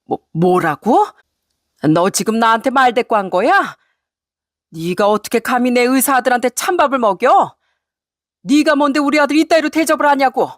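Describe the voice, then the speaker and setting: A woman voicing a furious, domineering older mother-in-law who scolds in a shrill, shouting voice. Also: lively intonation, unhurried, no room sound, clean studio sound, natural voice. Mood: furious scolding.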